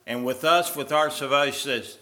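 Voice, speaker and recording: A man's voice: mid-range voice, fairly quick, sharp tone. A man preaching a sermon to a congregation, telling a story and acting out its characters. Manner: storytelling with rising emphasis, voicing characters in a joke.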